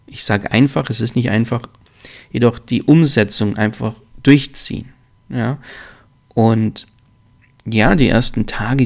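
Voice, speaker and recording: Man, gravelly low voice with fry, earnest coaching monologue, direct and encouraging. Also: a little mellow. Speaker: motivational coach. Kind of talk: motivational monologue.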